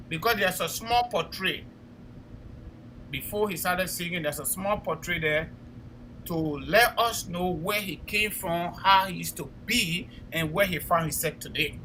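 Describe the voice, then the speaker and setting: A political talk show co-host with a Liberian accent delivers impassioned commentary, speaking emphatically and urging listeners on with repeated phrases. His voice is high and sharp-toned, captured on poor audio with a slight hiss or hum.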